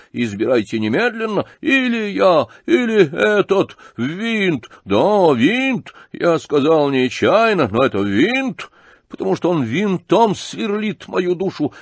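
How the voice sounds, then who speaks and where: A man's voice: mid-range voice, sing-song, slow, creaky, no room sound, voice pushed up, full character voice. A man voicing a pompous, furious old retired general who declaims and thunders with indignation. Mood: thundering outrage.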